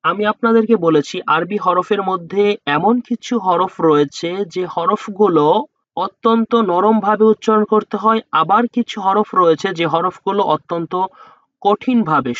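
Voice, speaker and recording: A man's voice: high-pitched, a bit bright, dry recording, lo-fi sound. A man teaching Quran pronunciation, patiently explaining how to shape each letter and sounding it out two or three times. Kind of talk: slow letter-by-letter pronunciation lesson.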